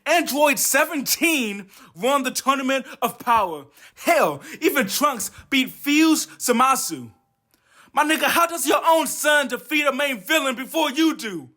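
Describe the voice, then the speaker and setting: A man's voice: extremely high pitch, lively intonation, unhurried, bright, forceful tone. A man doing a comedic anime commentary rant, exasperated, profane and mocking. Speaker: video essayist.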